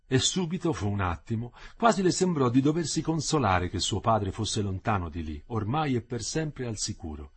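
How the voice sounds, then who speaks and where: Male reader for a literary audiobook, husky, very lively intonation. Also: medium pitch, normal speed, few pauses. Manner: expressive, varied delivery. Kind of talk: dramatic literary reading.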